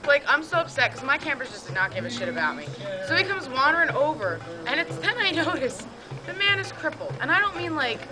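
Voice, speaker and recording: Hoarse high-voiced woman, casual swearing storyteller, outdoors, music playing behind. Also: brisk. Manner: profane, animated, acts out quoted voices. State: hoarse, says she has no voice. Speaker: storyteller at a camping event. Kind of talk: casual storytelling among friends. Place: outdoors at a campsite.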